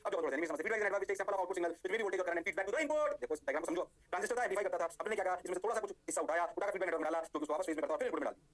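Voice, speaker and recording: A man teaching an energetic exam-prep lecture. He keeps checking whether students understood, mixes English technical phrases into his speech, and playfully mimics students' eager replies. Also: high voice, rapid-fire, hardly any pauses.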